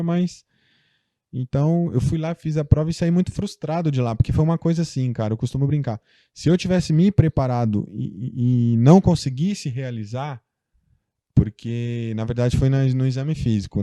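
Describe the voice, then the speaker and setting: Brazilian man telling a story, dark tone. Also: mid-range voice, dry recording. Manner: storytelling, loose and chatty with many fillers. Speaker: interview guest. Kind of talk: casual conversation.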